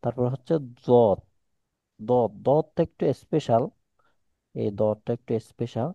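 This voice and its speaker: A man's voice: medium pitch, creaky, dry recording. Patient male Quran teacher, dull audio. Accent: Chittagong Bengali. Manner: patient, explains slowly with repetition and examples. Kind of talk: one-on-one Quran lesson.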